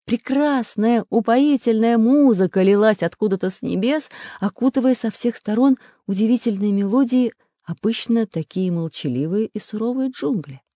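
A narrator giving a lively, expressive storybook reading. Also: medium pitch, moderate pace, dry recording, clean studio sound.

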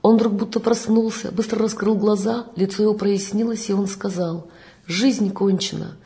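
A woman reading a memoir passage aloud in a measured, deliberate manner. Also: mid-range voice, steady tone, dark tone.

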